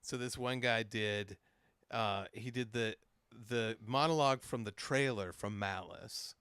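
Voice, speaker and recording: Smooth easygoing man telling podcast stories. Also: on the low side, measured pace, fairly bright tone, dry recording. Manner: easygoing storyteller, swears casually. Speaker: podcast co-host. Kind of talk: casual comedic storytelling.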